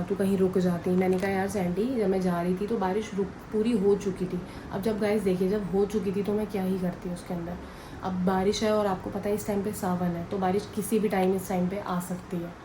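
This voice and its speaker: Young woman vlogger, chatty and rambling, noisy room. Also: lowish voice. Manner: chatty, rambling, talks straight to viewers. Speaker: family vlogger. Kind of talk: casual vlog chat to viewers. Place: home.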